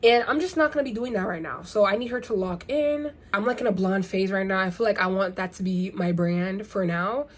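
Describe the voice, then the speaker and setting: A young woman talking casually to her viewers in a rambling, animated vlog, firing off rhetorical questions. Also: medium pitch, brisk, hardly any pauses. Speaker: vlogger. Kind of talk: casual get-ready-with-me vlog.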